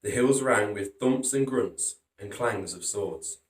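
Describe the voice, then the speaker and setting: A man hosting storytime takes his time, reading a children's picture book in a fairly low voice with dramatic emphasis. He sits far from the microphone in a room that echoes.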